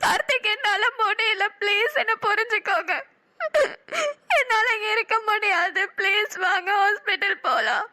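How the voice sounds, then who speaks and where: A woman's voice: moderate pace, full character voice. A woman voicing a heartbroken young woman in a cartoon drama, speaking in a pleading, sobbing way. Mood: tearful. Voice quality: high bright girlish voice. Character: heartbroken young woman Kanmani, tearful and hurt.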